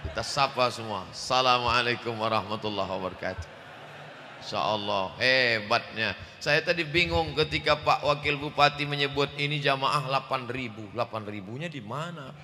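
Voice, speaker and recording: Bapak ustadz ceramah lucu, suaranya keras menggelegar dan tajam, gema aula panjang. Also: male voice, moderate pace, a little hiss or hum. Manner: loud booming voice. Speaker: preacher. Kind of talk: humorous sermon. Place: large mosque. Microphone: handheld microphone. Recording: echoey hall reverb.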